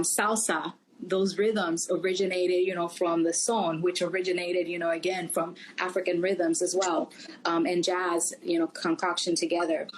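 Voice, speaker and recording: A middle-aged woman from Puerto Rico, a guest speaking in a casual interview, conversational and full of "you know" fillers. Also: fairly low pitch. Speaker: travel company founder, guest. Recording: faint background noise.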